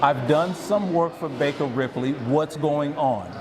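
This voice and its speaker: Eager male street interviewer. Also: fairly high pitch. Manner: eager, quick reactions. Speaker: interviewer, photojournalist. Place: outdoors at a busy urban spot. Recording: crowd noise outdoors.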